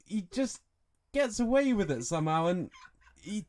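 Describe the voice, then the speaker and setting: A man co-hosting a casual podcast, retelling a film's scenes with disbelief. His pitch leaps around, and his voice sounds dark and mellow. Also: normal speed. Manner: animated, incredulous retelling of movie scenes. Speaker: podcast co-host. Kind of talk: casual film review chat.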